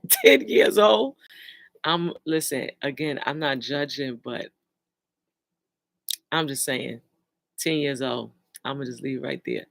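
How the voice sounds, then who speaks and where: A woman's voice: a bass voice, steady tone, a little slow, vocal fry, long pauses, fairly bright tone, no room sound. A middle-aged woman, talking casually and bluntly to viewers on a livestream and laughing often. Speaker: livestream host.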